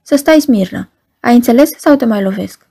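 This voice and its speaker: A woman's voice: fairly high pitch, expressive, dark tone, husky. A woman reading the lines of a huge, brutal Roman centurion who speaks nasally and mangles his words. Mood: threatening.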